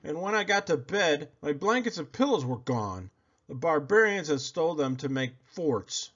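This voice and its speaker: This storybook reader is a man with a big, animated pitch that rises and falls dramatically as he draws out words for effect. He moves at a moderate pace, and the recording has a slightly muffled, lo-fi quality.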